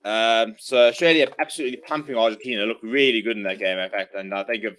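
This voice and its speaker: A man's voice: fairly low pitch, quick pace, a bit bright. A man, hungover, chatting casually and commentating as he hosts a live rugby watchalong stream. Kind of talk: casual livestream chat and live sports commentary.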